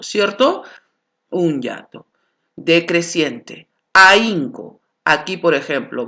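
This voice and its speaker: A woman's voice: lowish voice, a bit bright. A woman teacher giving a grammar lesson, explaining patiently and often checking in with rhetorical questions.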